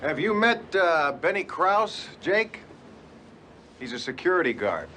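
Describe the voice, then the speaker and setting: A man's voice: on the high side, very animated, measured pace, bright, forceful tone, a little hiss or hum, full character voice. An actor playing a reformed cat burglar, a middle-aged man on parole who talks wryly and begs for help. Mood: mocking. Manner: wry, chuckling, then pleading. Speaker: ex-convict on parole.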